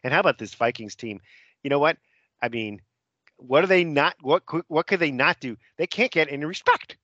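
A man's voice: fairly high pitch, lively intonation, brisk, bright, forceful tone, dry recording, highs cut off. A man co-hosting a sports chat who sets up each game preview in an easygoing way. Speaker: sports podcast co-host.

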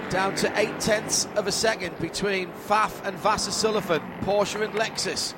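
A man works as a live motorsport commentator, his voice pitched high for a male speaker. Loud engine and track noise runs behind him as he calls the race. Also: fairly even intonation, moderate pace. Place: trackside commentary position with window onto the track. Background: loud race cars and track ambience.

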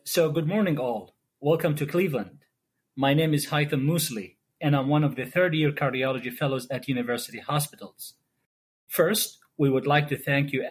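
A man's voice: medium pitch, slightly rough. A man from Saudi Arabia, a cardiology fellow, giving a polite, formal self-introduction as a podcast guest.

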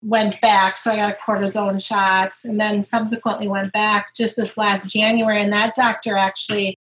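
A woman's voice: medium pitch, moderate pace, slight background noise, poor audio. A middle-aged woman, a guest on an interview, speaking candidly and earnestly about her own experiences. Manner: earnest, retelling scenes with lively quoted voices. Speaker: guest sharing her recovery story. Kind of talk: candid personal storytelling.

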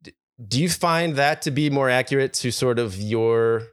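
A man's voice: mid-range voice, normal speed, clean tone, no room sound, clean studio sound. A man hosting a music podcast interview, asking questions hesitantly with many restarts. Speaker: podcast host.

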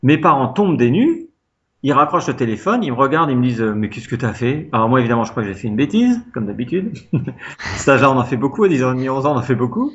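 A man's voice: mid-range voice, very animated, fast, fairly bright tone, lo-fi sound. A man from France telling a long personal anecdote in a casual interview, chatty and full of fillers. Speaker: interview guest, pianist. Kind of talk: casual storytelling.

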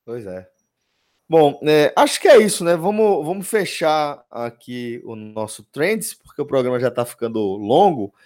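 A man hosts a casual panel show and wraps it up in a relaxed way. His voice sits fairly high, and his pitch swings widely. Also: measured pace. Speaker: show host.

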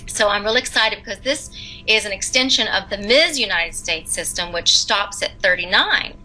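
Bubbly pageant director lady, super bright tone, laughs a lot. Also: medium pitch, lively intonation, normal speed, slight background noise, rough recording.

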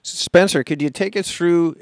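A man's voice: high-pitched, a little slow, dry recording, clean studio sound. A man co-hosting an interview, chatting and asking questions in a casual conversational style. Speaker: interview co-host.

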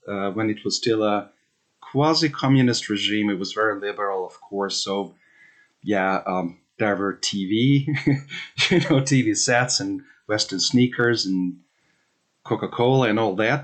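A man born in Hungary, in his thirties, talks through his research in an interview. His voice sits on the low side, and he thinks aloud with fillers and restarts. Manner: thoughtful, many fillers and restarts. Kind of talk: interview answers.

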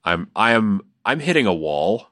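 Deep-voiced halting male co-host. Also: very animated, fairly bright tone, no echo, studio quality. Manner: halting, repeats words, laughs easily. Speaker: podcast co-host. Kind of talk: casual podcast chat.

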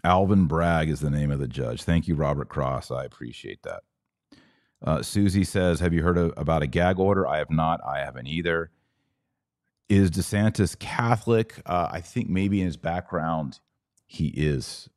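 An American man hosts a podcast, reading viewer comments aloud and answering them casually off the cuff. His voice is rumbling, low and slightly mellow, recorded studio-clean with no echo.

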